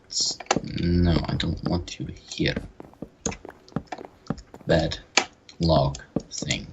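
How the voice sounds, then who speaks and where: Mock Russian gamer mutter, low and unhurried, as a man puts it on, faint hiss behind. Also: gravelly, full character voice. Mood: playful. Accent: put-on Russian. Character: man with a put-on Russian accent.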